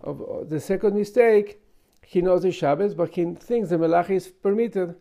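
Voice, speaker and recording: A man's voice: sits high, normal speed, dark tone. A man with giving an informal Talmud lesson, explaining step by step with rhetorical questions and asides. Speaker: Talmud teacher.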